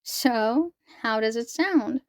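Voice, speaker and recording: A woman's voice: fairly high pitch, slow pace, dry recording, clean studio sound. A woman reading the lines of an overly sweet, affectionate mother from a book, with syrupy endearments. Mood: sugary.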